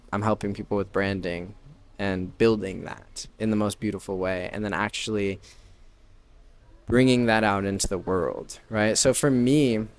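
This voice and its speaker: A man in his twenties, a podcast guest who runs a branding business, speaking in a casual conversational way that is full of "like" and "right?". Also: lowish voice. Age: 20s. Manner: filler-heavy, frequent "like" and "right?" tags.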